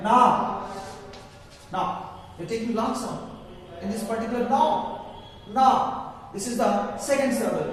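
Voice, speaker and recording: A high-voiced man with a Telugu accent, teaching a class in a slow, drawn-out way and repeating himself often. He is recorded from far off in a very echoey room with a long reverb tail. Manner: repetitive, stretching words slowly, mixing English and Telugu. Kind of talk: classroom lesson.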